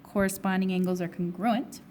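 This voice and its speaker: Hoarse woman teacher walking through math. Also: mid-range voice, fairly even intonation, moderate pace, darkish tone, a little hiss or hum. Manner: steps through problems, asking and answering her own questions. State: hoarse, losing her voice, with coughs. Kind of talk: recorded test review lesson.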